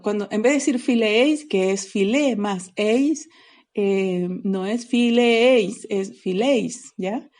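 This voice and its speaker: Mellow-voiced woman teaching a lesson. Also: medium pitch. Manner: explanatory, checks in with a frequent "¿ya?". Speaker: Greek teacher. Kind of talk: recorded video lesson.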